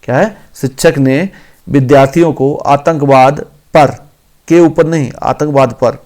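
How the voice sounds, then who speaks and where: Male teacher, exam-prep grammar lesson, slow read-outs then corrections, mid-pitched voice. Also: steady tone, a little mellow. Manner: reads each option aloud slowly, then corrects it.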